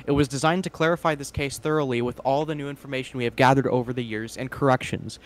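Crude, excitable young man streaming. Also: mid-range voice, fast talker. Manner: crude, excitable, cuts in with loud outbursts. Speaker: stream host. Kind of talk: casual stream commentary, reading a statement aloud.

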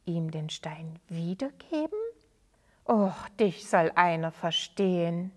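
A woman storyteller gives voice to a loyal grown man from a children's storybook who stands by a young boy, calm and steady, and protective of him. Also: sits high, unhurried.

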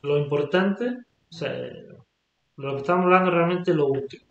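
A man's voice: on the high side, normal speed, a bit bright, lo-fi sound. A man teaching English vocabulary, patiently repeating words and checking that the student follows. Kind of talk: explaining vocabulary in a lesson. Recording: echoey room.

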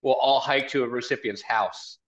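His medium-pitched, fairly bright voice moves at a moderate pace as he earnestly answers questions, often saying things twice. The man, in his fifties, is a college marketing director and event organizer joining a casual video call from a small office, with dull, low-fidelity audio.

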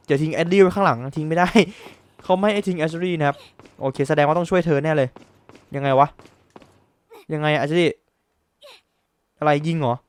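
Still a little drowsy from just waking up, a man gives excitable live gameplay commentary, often repeating his exclamations. His voice is smooth and on the high side.

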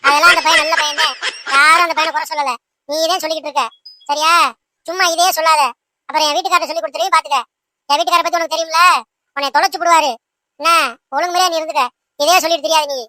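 A protective mother of the house talks back briskly and firmly in this cartoon. Her voice is high and bright and is recorded dry and close. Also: steady tone, no echo. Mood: irritated. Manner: brisk, snappy retorts.

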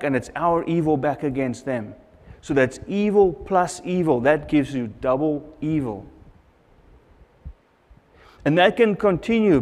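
A man's voice: fairly high pitch, darkish tone, in a large hall. A middle-aged man preaching a sermon at a church pulpit, earnest and repeating phrases for emphasis, on a lapel mic. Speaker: pastor.

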